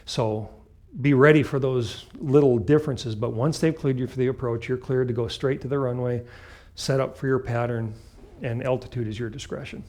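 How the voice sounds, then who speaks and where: A man teaches flying in a mid-pitched voice. He explains procedures step by step, speaking in short, clipped phrases and leaning firmly on the key points. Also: steady tone, normal speed, few pauses, darkish tone. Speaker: flight instructor. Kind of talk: instructional talk with acted radio call examples.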